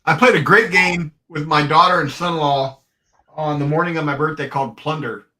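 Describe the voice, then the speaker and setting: A man in his fifties co-hosting a casual hobby podcast, upbeat and quick to agree, telling stories in an easy way. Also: a little high, pushed and bright. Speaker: co-host.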